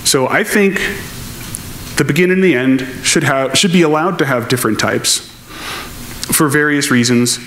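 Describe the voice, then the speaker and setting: On stage in a large lecture hall, a conference speaker delivering a technical keynote answers audience questions thoughtfully, explaining as he goes. His voice is fairly high and a bit bright, at normal speed. The hall is echoey, with faint noise.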